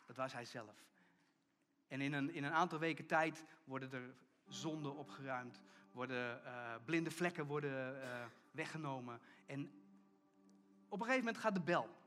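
A middle-aged man preaching a sermon as pastor, telling a story and acting out the people in it, often dropping to a hushed tone for emphasis. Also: medium pitch, moderate pace. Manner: storytelling preacher, acts out quoted voices, drops to hushed emphasis.

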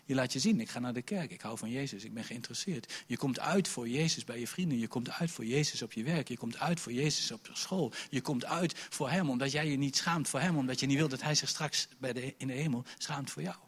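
A man preaching an Easter sermon, swinging between loud bursts and hushed asides, acting out quoted dialogue in character voices. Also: medium pitch, brisk, few pauses, breathy edge. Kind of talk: lively Easter sermon with personal story.

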